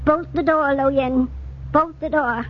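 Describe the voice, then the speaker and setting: An actress playing a frail old grandmother in a radio drama, speaking slowly with a quavering, tender voice. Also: sits high, fairly even intonation, background noise. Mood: fearful. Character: frail old grandmother, fearful then gently soothing. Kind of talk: 1940s radio acting. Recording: muffled old radio recording.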